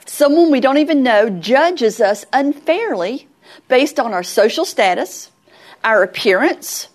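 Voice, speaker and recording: A woman's voice: sits high, expressive, measured pace. Southern woman teaching a ministry class. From Southern United States. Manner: folksy, conversational, earnest.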